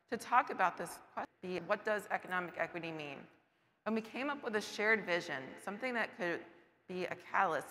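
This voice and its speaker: Woman panelist, hoarse, bright tone, echoing market hall, faint hum. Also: on the low side. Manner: earnest presenter walking through slides. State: losing her voice. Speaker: panelist presenting data. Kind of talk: public talk. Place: large covered market shed. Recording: distant voice with long hall reverb.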